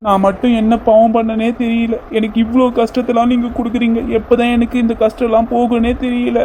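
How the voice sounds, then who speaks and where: ஒருவர் கார்ட்டூனில் கணவரிடம் கவலையோடு கெஞ்சும் பக்தியான இளம் மனைவிக்குக் குரல் கொடுக்கிறார். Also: male voice, very high voice, flat delivery, brisk, mellow, a little hiss or hum. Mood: fretful. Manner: pleading, fretful. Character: worried devoted young wife Pushpa. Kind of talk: cartoon voice acting.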